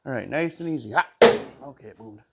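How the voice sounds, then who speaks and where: Here the same stuffy-nosed vlogger talks casually while dismantling an old mower in his workshop, humming as he moves between jobs. He sounds animated and gravelly, medium in pitch and a little fast, against heavy background noise.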